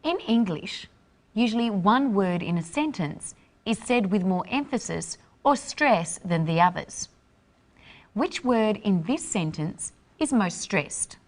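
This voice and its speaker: Woman teacher host, clear careful delivery, voice swoops up and down a lot. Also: mid-range voice, lively intonation, slow pace. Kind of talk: scripted lesson narration.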